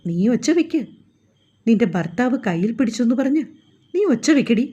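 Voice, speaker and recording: A woman voicing a forceful young husband who taunts his wife in an audio story. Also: on the high side, expressive, brisk, breathy edge, lo-fi sound. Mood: taunting. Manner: taunting, domineering.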